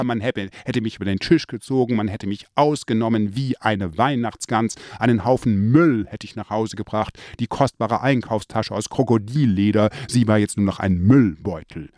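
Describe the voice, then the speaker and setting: A man reading his own memoir aloud, telling a childhood story in a lively way and lifting his voice for the remembered lines. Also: fairly low pitch, no room sound, studio quality. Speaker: narrator.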